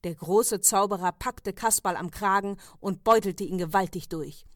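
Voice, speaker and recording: A woman reading stories aloud in a calm, even narrating manner. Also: mid-range voice, normal speed, no echo, studio quality. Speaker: reader. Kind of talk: audiobook reading.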